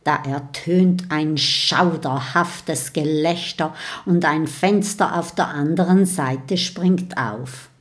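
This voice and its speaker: A woman narrating a children's story with a measured, dramatic read-aloud delivery. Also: low-pitched.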